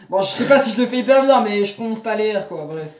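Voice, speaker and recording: A woman's voice: mid-range voice, expressive, fast talker. Chatty young woman in an echoey room. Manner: chatty, hesitant with fillers. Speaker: vlogger. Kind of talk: casual chat.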